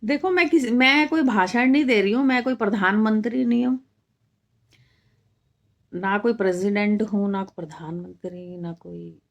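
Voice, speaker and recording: A woman's voice: medium pitch, moderate pace, gravelly, dull audio. A middle-aged woman from India hosting a casual live stream, talking straight to her viewers and firmly rebutting comments, repeating her points for emphasis.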